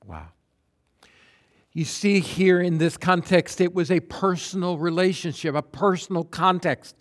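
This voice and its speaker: Male preacher, fairly high voice; emphatic, repeats phrases, swings from loud to hushed. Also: steady tone, moderate pace. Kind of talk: sermon with scripture reading.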